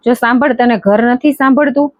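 A woman voicing a kindly goddess mother in a devotional storybook tale, speaking slowly and soothingly. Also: fairly high pitch, steady tone, no room sound, close to an everyday voice. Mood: reassuring.

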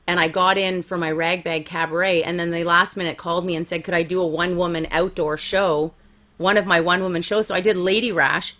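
A woman's voice: fairly low pitch, fairly bright tone. A woman in her forties, a comedian guest telling stories about her career in a frank, self-mocking way and laughing easily. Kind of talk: candid conversational storytelling.

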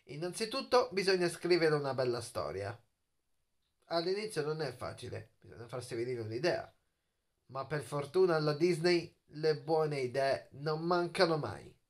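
This animated, theatrical young adult has a voice on the high side and tells his story to the camera like he's explaining to children, drawing words out and posing questions. He's on a bed in a small bedroom, filming himself with a phone held at arm's length.

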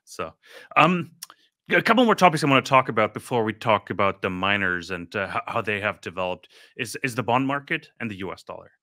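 A man's voice: fairly low pitch, lively intonation, fairly quick, bright, forceful tone, dry recording, studio quality. A middle-aged man hosting a finance podcast, asking chatty questions with frequent stumbling restarts. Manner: chatty, stumbling restarts, laughs at own remarks. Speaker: podcast host. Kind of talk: interview questions.

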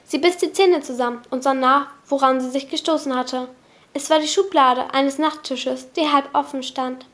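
A woman reading a novel aloud as an audiobook. Her voice sits high, and she tells the story in a steady, expressive way. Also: moderate pace. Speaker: audiobook reader.

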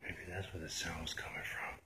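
A man exploring an abandoned building, talking in a hushed, cautious voice and often whispering. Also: low voice, little pitch movement, brisk. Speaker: urban explorer vlogger. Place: large empty derelict building indoors. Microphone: handheld phone camera.

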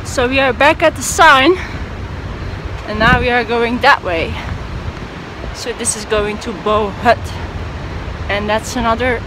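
A young woman vlogs while hiking a mountain trail, filming herself on a handheld camera held at arm's length. Her fairly high voice is slow and unhurried, and she is chatty and cheerful, laughing between remarks. Wind noise hits the camera mic.

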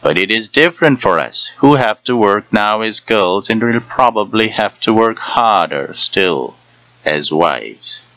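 A man voicing a young village girl who grumbles enviously to her neighbour in a hushed way. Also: fairly low pitch, animated, unhurried, dry recording, voice pushed up, heavily acted, rough recording. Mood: grumbling. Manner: whispered grumbling.

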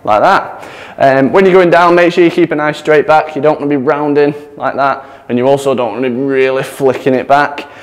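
A man's voice: mid-range voice, fairly even intonation, moderate pace, hardly any pauses. A man, out of breath, demonstrating gym exercises as a chatty fitness coach who laughs at himself. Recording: echoey gym with long reverb.

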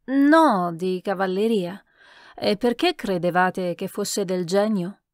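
A woman's voice: medium pitch, takes it slowly, no echo, clean studio sound. A woman voicing a light, teasing young male officer in a read-aloud novel.

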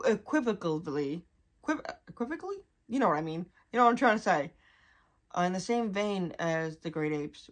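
Halting woman fighting back tears. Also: low-pitched. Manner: talks through held-back tears, halting restarts. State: on the verge of crying. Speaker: vlogger. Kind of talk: candid personal vlog.

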